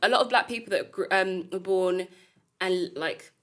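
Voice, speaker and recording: A young woman who grew up in Italy chats on a student podcast, thinking out loud and laughing easily. Her voice is bright with a tense edge, and she apologizes with a giggle when she drifts off topic. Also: on the low side, moderate pace. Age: young adult. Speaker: student guest. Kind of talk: casual podcast chat.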